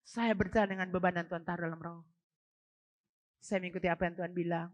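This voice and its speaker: A woman's voice: on the low side, steady tone, fast, no room sound, dull audio. A middle-aged woman pastor from Ambon, giving an emotional sermon testimony and calling out to her congregation during a church service. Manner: fervent, emotional, keeps addressing the congregation.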